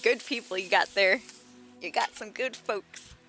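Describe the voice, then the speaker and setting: A woman's voice: medium pitch, a little slow, sharp tone. A woman doing casual, playful live commentary as a game streamer, with music in the background.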